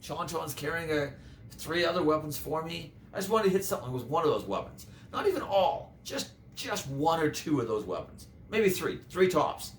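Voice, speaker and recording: A man's voice: a little high, very animated, normal speed. A man voicing a frustrated male warrior who only wants to fight, whiny and exasperated, in an echoey room. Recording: echoey room with faint noise.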